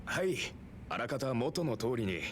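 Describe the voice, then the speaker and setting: An actor playing a deferential cabaret staffer in a video game, speaking in a polite, formal way. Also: male voice, mid-range voice, sing-song, fairly quick, slight background noise, close to an everyday voice. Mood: dutiful, apologetic.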